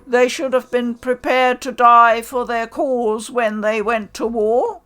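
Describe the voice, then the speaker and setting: A woman's voice: a little high, fairly even intonation, slow, a bit bright. A woman voicing a proud, angry male samurai stranger who answers bitterly. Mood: defiant. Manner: bitter, defiant.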